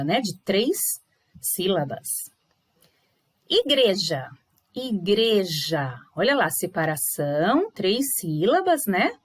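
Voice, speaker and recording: A woman teacher from Brazil giving a recorded lesson to primary pupils, encouraging them and sounding out words slowly, repeating each one. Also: mid-range voice, fairly bright tone, dry recording. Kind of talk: recorded remote lesson correcting exercises.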